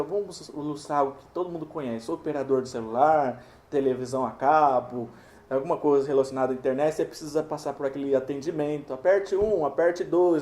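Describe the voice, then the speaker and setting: High-voiced Brazilian pastor in echoey church. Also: male voice, warm tone. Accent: Brazilian Portuguese. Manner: conversational preaching with rhetorical questions. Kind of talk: sermon. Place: church sanctuary.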